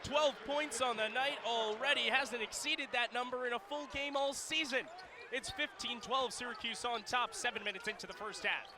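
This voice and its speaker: A man with a very high-pitched, steady voice does radio basketball play-by-play at normal speed, with crowd noise and bouncing balls all around the arena. He speaks in terse, vivid phrases and gives the big plays extra punch.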